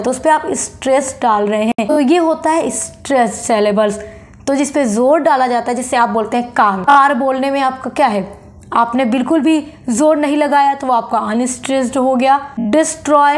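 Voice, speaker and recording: A woman teaching a literature lesson, glossing each term and reading English notes aloud slowly. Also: high-pitched. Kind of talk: exam-prep lecture.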